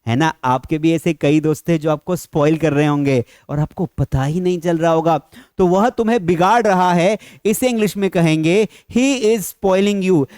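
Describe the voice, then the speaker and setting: A man teaching spoken English with an Indian English accent, slowly stressing each English example and then explaining it briskly, often asking the viewer to repeat. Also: a little high, a little mellow, clear, resonant tone, dry recording, clean studio sound.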